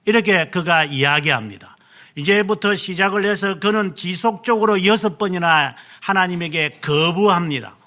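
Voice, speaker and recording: A middle-aged male pastor preaching a sermon, stressing key words slowly and answering himself with "yes". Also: high voice, sharp tone.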